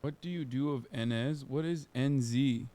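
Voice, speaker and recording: A man's voice: medium pitch, normal speed, dark tone. A man streaming live, chatting loosely with his viewers and swearing freely. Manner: loose and profane, bursts into a mock Kiwi accent. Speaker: streamer reacting to a video. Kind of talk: casual livestream chat.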